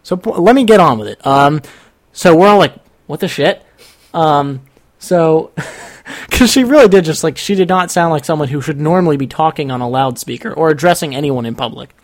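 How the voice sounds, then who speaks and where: Young man, higher-pitched, a rambling storyteller who keeps restarting his sentences. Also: lively intonation, fairly quick. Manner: rambling, self-interrupting storyteller. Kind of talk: casual chat.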